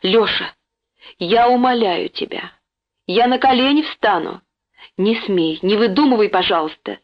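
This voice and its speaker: A woman's voice: medium pitch, expressive, moderate pace, natural voice. A worried, protective mother voiced by a woman reader, urgent and pleading with her child. Her voice rises with alarm. The recording is dull and lo-fi. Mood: anxious.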